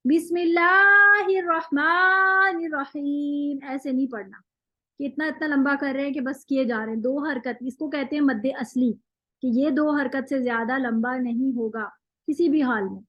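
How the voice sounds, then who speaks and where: High-voiced woman teaching recitation. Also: moderate pace, no echo, lo-fi sound. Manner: patient, explains step by step with recited examples. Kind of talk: online class lecture.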